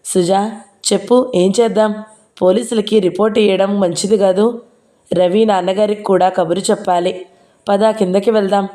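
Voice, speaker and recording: A woman voicing a calm, careful husband who speaks gently and measuredly while breaking bad news. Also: mid-range voice, moderate pace, close to an everyday voice.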